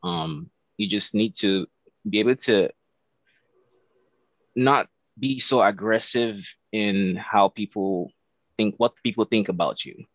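Deep-voiced young man from Nigeria, headset. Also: slow pace, no room sound. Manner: upbeat, filler-heavy, positive. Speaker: podcast guest. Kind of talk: casual conversational storytelling. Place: small room at home. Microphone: headset on video call. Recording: dry, slightly dull headset audio.

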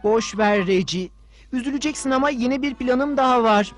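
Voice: mid-range voice, moderate pace, faint music behind, lightly acted. An actor playing a kind, resourceful rich boy in a cartoon dub, speaking earnestly and with assurance. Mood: confident, planning.

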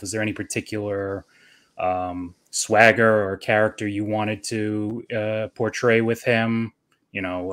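A male podcast host puts questions to his guests in a relaxed, joking manner. His voice sits a little low. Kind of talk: livestream interview questions.

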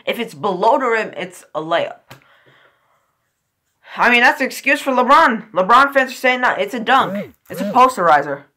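A woman hosting a casual reaction video, excitable and slangy with plenty of swearing. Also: a little high, moderate pace, a little hiss or hum. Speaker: reaction channel host.

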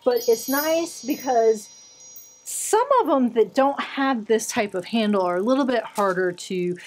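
A woman's voice: fairly high pitch, unhurried, slight background noise. A woman doctor giving a casual how-to demo, her voice shaking and warbling as she runs a massage gun over her own back, like talking into a fan. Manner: chatty, relaxed, with frequent fillers. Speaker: doctor demonstrating a massage device. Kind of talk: instructional demo video.

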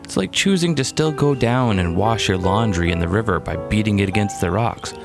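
Out in the woods at his camp, a thirty-something survival vlogger keeps up a jokey, dry commentary and laughs at his own remarks. He speaks briskly and animatedly in a lowish voice with vocal fry, recorded on a camera mic with music behind him.

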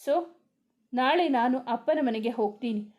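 Lady reading a sad young wife pleading with her husband, fairly high and soft, storybook. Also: unhurried.

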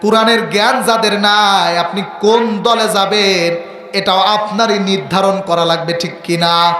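A man's voice: sits high, fairly even intonation, a little slow, pushed and bright. A male preacher gives an emotional storytelling sermon at an open-air gathering. He exhorts the crowd fervently and calls on them to answer him. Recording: echoey open-air PA sound.

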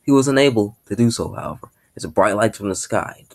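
A man's voice: on the low side, expressive, fast talker. A man casually reading aloud his own story, in an offhand manner with frequent restarts.

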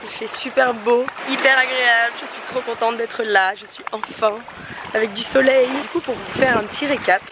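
A woman's voice: fairly high pitch, fairly even intonation, normal speed, noisy background. A young woman in her twenties talking casually and cheerfully to a handheld camera outdoors for her travel vlog. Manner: chatty, upbeat, enthusiastic. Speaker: travel vlogger. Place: outdoors, beach and open-air terrace. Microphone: phone or camera held at arm's length.

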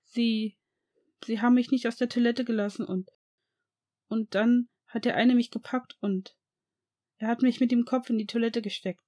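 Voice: medium pitch, flat delivery, normal speed, hardly any pauses, a little mellow, no echo, clean studio sound, pitched above the performer's own voice, close to an everyday voice. A reader voicing a frightened young boy wizard who stammers with a trembling voice. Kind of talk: audiobook fan reading.

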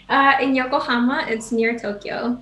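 A woman's voice: sits high, steady tone, measured pace, a bit bright. A young woman in her twenties, a guest on a casual video call, bashful and giggly, mixing languages as she talks. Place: home room with bookshelves, indoors. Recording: echoey room.

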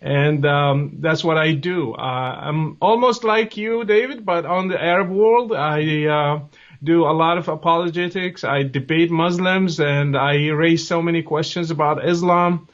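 The dull, lo-fi webcam audio carries a slightly high male voice at a measured pace. He's a guest in his forties from Morocco, responding to interview questions from his home office, friendly yet hesitant and using plenty of fillers.

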